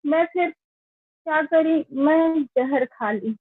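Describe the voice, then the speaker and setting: A woman, slowly and earnestly recounting her own life story as a testimonial. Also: high-pitched, no echo. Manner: slow, earnest, plain recounting. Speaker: network marketing member giving a testimonial. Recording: tinny phone-like, dry sound.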